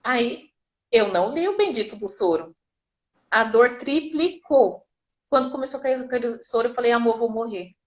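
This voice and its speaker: A woman's voice: fairly high pitch, expressive, moderate pace, lo-fi sound. Brazilian woman vividly recounting a birth. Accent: Brazilian Portuguese. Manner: vivid, acts out quoted people. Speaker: guest telling her birth story. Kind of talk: casual storytelling.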